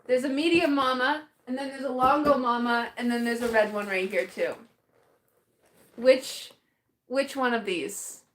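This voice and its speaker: High-pitched woman on a home livestream, slow and rambly, lots of restarts and giggles. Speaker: streamer opening fan mail. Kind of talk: casual live stream chat.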